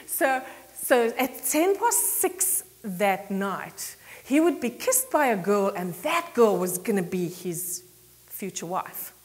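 A woman pastor from South Africa preaching a conversational sermon, telling a story with frequent laughter and lively quoted voices. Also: mid-range voice, slow, big-room sound. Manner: chatty, laughs often, animated quoting. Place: church sanctuary.

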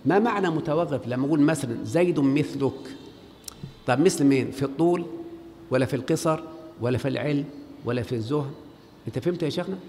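Speaking very fast in a fairly high, expressive, slightly mellow voice, an Egyptian-accented man lectures on Arabic grammar inside a large mosque. He questions his students call-and-response style, and the audio has long hall reverb with faint noise behind it.

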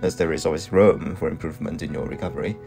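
A middle-aged man narrates. His delivery is measured and reflective, like a scripted personal vlog voice-over. Music plays behind him. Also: very deep voice, fairly even intonation, vocal fry, warm tone. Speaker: running vlogger. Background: background music.

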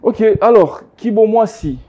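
A man's voice: sits high, lively intonation, a little slow, a little mellow, breathy edge, dull audio. A young man hosting a TV studio interview, asking questions with hesitant fillers and short affirmations. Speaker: TV host. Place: TV studio set. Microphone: lapel mic.

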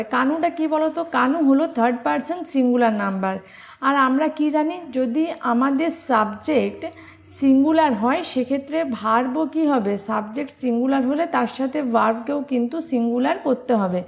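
A woman's voice: high voice, creaky, a little mellow. A young woman with a Bengali accent, teaching an exam-prep English grammar lesson and explaining each step with questions to her students.

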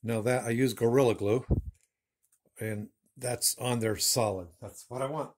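In a low-ceilinged home woodshop, a woodworking channel host in his fifties gives a casual demonstration, talking to a phone held at arm's length in a rambling, self-correcting way. His medium-pitched voice is fairly even and a little slow, and the background is noisy.

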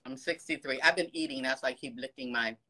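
Speaking fast in a rumbling low voice, a US fan in her sixties heaps warm praise and encouragement on someone over a casual phone video chat, laughing often. She talks to a phone camera held close from an office lit by ceiling lights. A slight hiss or hum runs under the audio.

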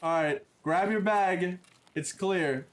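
A man's voice: high-pitched, slow, crowd noise. A man playing a police captain in game voice chat, barking commands with mock-stern cop bravado. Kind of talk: in-game voice chat role-play.

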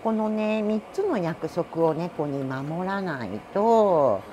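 Talking through a cat grooming demo, a middle-aged woman with a Kansai Japanese accent keeps it chatty, adding small asides and giggles. Her fairly low voice has lively intonation and a slow pace, with background noise behind her.

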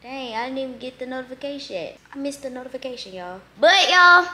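Young woman vlogging from her couch, kinda high bright voice, chatty and animated, talks to y'all the whole time. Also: fast talker, slight background noise. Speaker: lifestyle vlogger. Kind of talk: casual vlog chat to camera. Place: bright open-plan living room, indoors.

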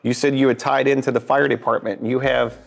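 Male host, 40s; gravelly, upbeat and joking, lapel mic in a restaurant. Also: mid-range voice, level tone, fairly quick, faint music behind. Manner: upbeat, joking, eats while talking. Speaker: show host. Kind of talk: casual interview. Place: brick-walled restaurant booth, indoors.

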